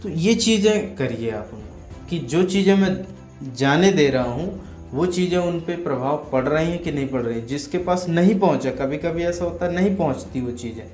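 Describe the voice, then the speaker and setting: With music running beneath a roomy echo, a man coaching on network marketing drives his points home emphatically, repeating himself and listing examples. His voice is on the high side, animated, a little mellow, and at normal speed.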